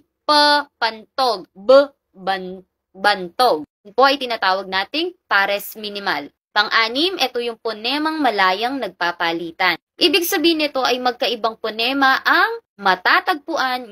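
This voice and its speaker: A woman's voice: fairly high pitch, pushed and bright. A woman teaching an exam review lesson, patient and polite, repeating each key point and quizzing the listener. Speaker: reviewer teaching Filipino phonology.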